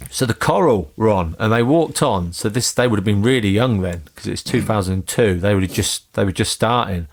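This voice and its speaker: A man's voice: fairly low pitch, brisk, vocal fry. A British man hosting a podcast, chatting casually, swearing freely and laughing as he tells a gig story. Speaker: podcast host. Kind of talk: casual chat.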